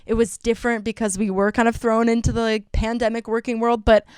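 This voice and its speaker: A woman's voice: a little high, brisk, clean tone, no echo, clean studio sound. A young woman in her twenties hosting a casual podcast chat, telling stories with acted-out quotes. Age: 20s. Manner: animated storytelling with acted-out quotes. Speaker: podcast host.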